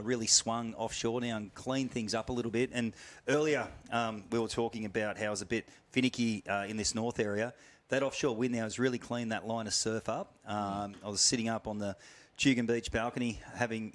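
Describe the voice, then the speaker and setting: An Australian man with a mid-range voice commentates a surf boat race live. He is folksy and slang-heavy, with many ums and uhs. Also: medium pitch. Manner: folksy, full of slang, halting with fillers.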